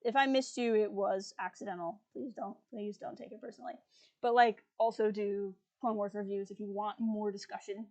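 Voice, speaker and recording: A woman's voice: medium pitch, fairly even intonation, normal speed, a little mellow. A woman hosting a casual livestream chat, talking loosely with lots of fillers and laughing easily. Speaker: livestream host.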